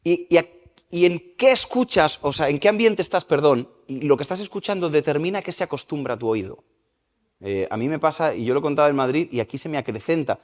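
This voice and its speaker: A man preaching a sermon at a church service, lively and questioning the congregation. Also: on the high side, fairly quick. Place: church service in a large hall. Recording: reverberant church hall.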